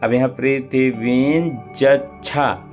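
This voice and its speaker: A man teaching Sanskrit mantra recitation, chanting verses slowly and then briskly explaining how each syllable is pronounced. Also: mid-range voice, steady tone, darkish tone, highs cut off, soft background music.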